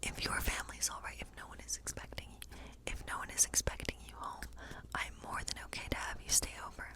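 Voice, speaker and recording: Here an ASMR artist takes on the role of a kindly witch reading tarot in her cottage among the trees. She whispers gently and breathily, slowly soothing the listener with reassurance.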